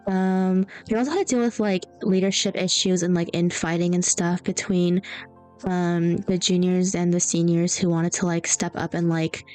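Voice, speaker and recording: A young adult streamer chats casually and wanders through stories while she draws, with faint music playing behind her. Her fairly low voice is darkish, clear and resonant.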